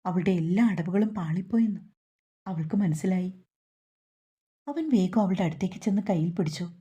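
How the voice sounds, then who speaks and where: A woman narrating a dramatic story in an even, scripted style. Her voice is mellow and soft, with a slightly husky edge. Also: fairly low pitch, moderate pace.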